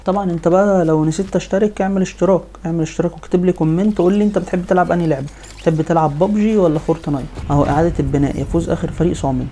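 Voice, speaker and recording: A man with an Egyptian Arabic accent giving excited live commentary over his own gameplay, piling up quick repeated exclamations. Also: fairly high pitch, slight background noise. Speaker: gaming video host.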